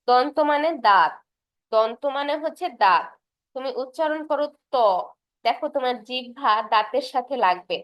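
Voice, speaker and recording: A woman's voice: on the high side, dry recording. A young woman teaching a casual exam-prep lesson, patiently repeating terms and sketching as she explains. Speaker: tutor for university admission exams.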